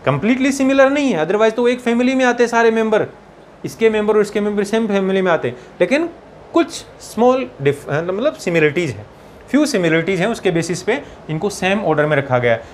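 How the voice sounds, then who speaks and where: This entrance-exam biology lecture comes from a man with a high, sing-song voice, over a little hiss or hum. Blending Hindi and English, he slows to dictate English lines from the textbook and repeatedly asks his students "ठीक है ना."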